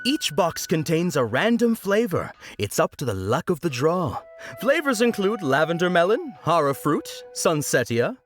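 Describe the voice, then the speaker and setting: A woman's voice: on the low side, very animated, normal speed, music in the background. A woman voicing a cheerful, showy festival vendor who plays a knight for children in a video game. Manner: showy, encouraging, addresses children playfully. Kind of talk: video game character acting.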